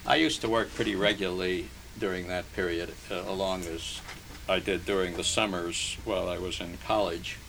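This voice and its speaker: Recorded on noisy archival tape for an oral history, an older man from Hungary, raised in New Jersey, answers slowly in a low, gravelly voice. His intonation is fairly even and his tone fairly bright, and he halts often with pauses and fillers.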